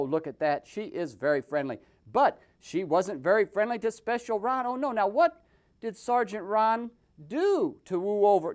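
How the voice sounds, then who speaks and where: A host and puppeteer narrates a comic puppet story with big swings in pitch. He's theatrical and mocking, and it sounds like he's making it up as he goes.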